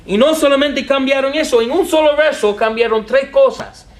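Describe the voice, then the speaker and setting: A man preaching a sermon to a congregation, animated, repeating words and asking them questions. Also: extremely high pitch, moderate pace, roomy sound. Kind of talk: sermon teaching. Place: church with a congregation.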